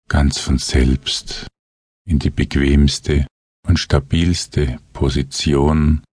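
Very deep, very slow, soft husky man. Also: no echo, clean studio sound. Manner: unhurried, gentle instructions with long pauses. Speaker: guided meditation narrator. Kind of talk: guided relaxation meditation, slow and soothing.

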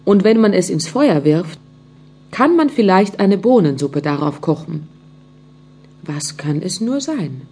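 A woman's voice: lowish voice, sing-song, unhurried, dark tone, slightly rough, heavily acted. Woman doing an old frightened carpenter. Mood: fearful. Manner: talks to himself, stammering when scared. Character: old male carpenter, jolly but easily frightened.

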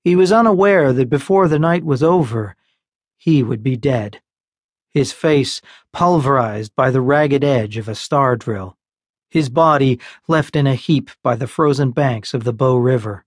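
A man narrating an audiobook in a measured, unhurried storytelling manner, recorded close on a studio mic. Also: medium pitch, no room sound. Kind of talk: scripted narration.

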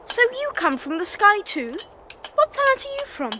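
The Little Prince, very high child voice. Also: female voice, very animated, normal speed, background noise. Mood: curious. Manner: insistent, questioning. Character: small, insistent, innocent boy prince from another planet. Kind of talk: radio drama acting.

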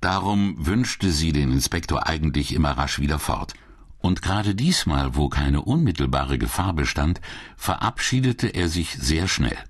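A man narrating a classic crime audiobook in a measured, expressive reading style. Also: rumbling low. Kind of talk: scripted narration.

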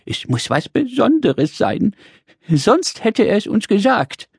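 A man voicing a tiny, excitable and impatient pink male creature in a children's audiobook, chattering nonstop in a whiny, fussy way. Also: sits high, slow pace, creaky, breathy edge, dry recording, clean studio sound, pitched above the performer's own voice, full character voice.

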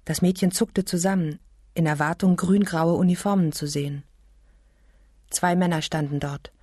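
Audiobook reader, woman, husky, dry studio, measured. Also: fairly low pitch, steady tone, a little mellow, no echo. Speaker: audiobook narrator. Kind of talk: scripted narration.

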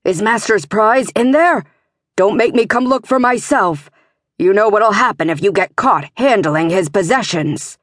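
A woman voicing a bossy pursuer who yells orders from outside a barn, in a fantasy audiobook. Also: medium pitch, expressive, a little slow, no echo, studio quality. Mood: yelling. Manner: yelling, bossy.

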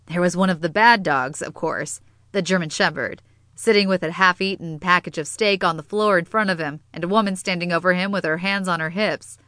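Woman reading a teasing young woman, low-voiced. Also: brisk, a bit bright, no echo, studio quality, close to an everyday voice.

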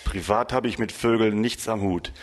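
A man's voice: on the low side, moderate pace, lightly acted. A man reading the part of a grumpy, crude male barber in a comic storybook, in a voice close to his own. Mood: gruff. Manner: gruff and dismissive.

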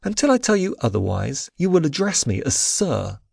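A man voicing a stern young warrior in an audiobook, firm, measured and authoritative. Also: a little high, very animated, vocal fry, darkish tone, husky, no echo, clean studio sound, voice pushed up, heavily acted. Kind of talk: audiobook character voice.

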